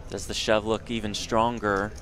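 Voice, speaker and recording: A man's voice: lowish voice, flat delivery, moderate pace, a crowd in the background. A man calling tournament poker play by play, reporting each bet and card as it comes.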